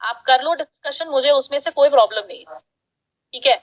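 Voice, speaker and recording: A woman's voice: sits high, normal speed, highs cut off. A woman working as an education sales counselor, pressing a parent on the phone and talking over his objections. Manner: pushy, persuasive, talks over the caller. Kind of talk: sales call.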